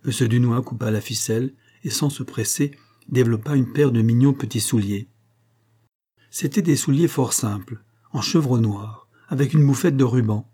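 A man narrating a novel in a measured, even storytelling manner. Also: mid-range voice, slightly rough. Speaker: audiobook narrator. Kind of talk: scripted narration.

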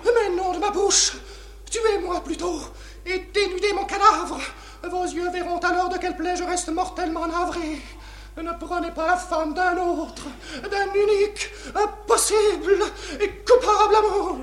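A woman's voice: extremely high pitch, fairly even intonation, measured pace. An actress playing a proud, passionate, anguished noblewoman, declaimed in formal 1950s French radio tragedy style. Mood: desperate defiance. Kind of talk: 1950s French theatrical radio drama acting.

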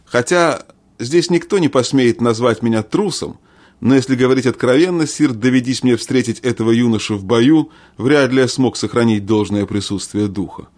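A wary court lord, voiced by a man reading a storybook, pitched a little above the narrator. he speaks formally and deferentially to his king. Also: normal speed, a little mellow, lightly acted. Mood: cautious. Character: wary courtly male lord, cautious adviser.

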